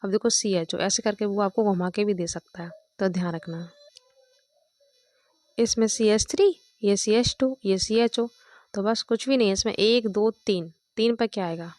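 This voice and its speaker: There's no room sound as a woman with a medium-pitched voice teaches chemistry at normal speed. Explaining step by step, she counts aloud and repeatedly checks with her students through "thik hai" and "dekho".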